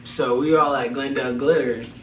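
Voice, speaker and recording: The storyteller host of a personal podcast, a young adult man, speaks in a steady, medium-pitched voice at a moderate pace. His stories are casual, slangy and profane, delivered with a chuckle, and the recording is echoey, with a distant mic and faint noise.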